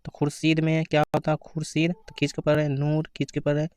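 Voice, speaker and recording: A man giving an exam-prep grammar lesson, asking questions and answering them himself, reading out the answer options slowly. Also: fairly high pitch, monotone, a little mellow, no room sound, studio quality. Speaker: teacher.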